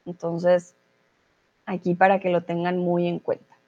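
A woman's voice: lowish voice, monotone, measured pace, dark tone, lo-fi sound. A woman teaching a Spanish grammar lesson online, explaining patiently and often checking in with her students.

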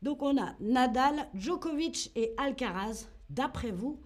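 A woman giving a live online French lesson. She talks in a lively way, acts out tennis shots with grunts, and answers chat viewers by name. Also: sits high, a little slow. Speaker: French teacher.

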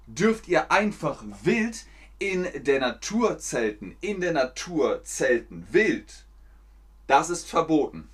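A man's voice: fairly high pitch, big pitch swings, takes it slowly, husky. A man teaching German in a livestream lesson, speaking in simple, repetitive sentences for learners.

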